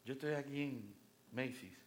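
A man's voice: mid-range voice, moderate pace, a little hiss or hum, voice pushed down, natural voice. A man voicing a weary, broke husband who grumbles and scolds his wife about money. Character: exasperated broke husband, middle-aged.

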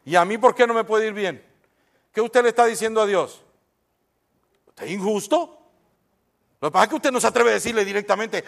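High-voiced preaching man, emphatic. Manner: emphatic preaching, rhetorical questions to the congregation. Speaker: pastor. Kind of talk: sermon.

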